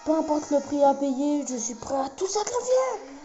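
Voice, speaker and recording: A woman's voice: sits high, big pitch swings, normal speed, lo-fi sound. A woman voicing a proud, cold alien prince warrior who talks down to others, over game music. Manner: haughty, dismissive, reading dialogue aloud.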